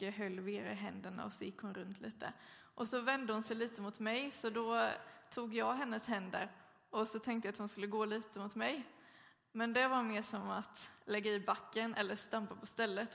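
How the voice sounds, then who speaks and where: A woman delivers a sermon, moving from a relaxed anecdote to a steady scripture reading. Her voice has a slightly gravelly, fry-tinged texture. The sound hangs in a long, reverberant church hall. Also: mid-range voice. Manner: conversational storytelling with occasional fillers. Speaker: preacher.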